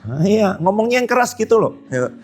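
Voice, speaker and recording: A man preaching a Sunday sermon, his voice sitting a bit high for a man. He talks in a lively, conversational way, firing questions at the congregation and joking with them between points. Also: fairly quick, a loud crowd, heavy background noise. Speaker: pastor. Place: church hall.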